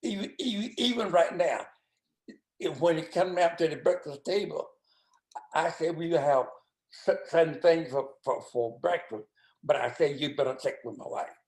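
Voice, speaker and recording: A man in his nineties, a guest in a casual interview, speaking haltingly and stammering through restarts. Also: fairly high pitch, darkish tone. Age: 90s. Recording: echoey room.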